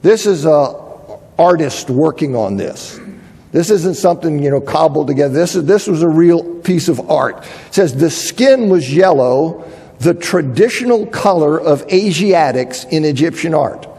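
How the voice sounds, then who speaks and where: A man's voice: on the high side, expressive, a little slow, gravelly, mellow, slightly rough, in a large hall. A man teaching a lesson on biblical archaeology, thinking aloud with frequent restarts and reading quotations aloud. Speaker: Bible teacher.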